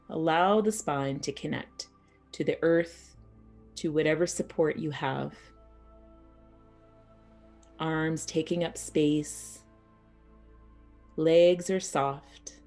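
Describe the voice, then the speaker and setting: A woman guides a yoga nidra meditation in a low, slightly mellow voice. She speaks soothingly and unhurriedly, using short phrases broken up by pauses.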